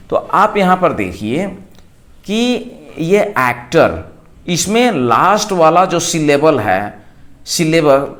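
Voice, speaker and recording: A man with an Indian accent teaching English grammar, explaining rules and spelling words out letter by letter. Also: fairly high pitch. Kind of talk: classroom lesson explaining rules.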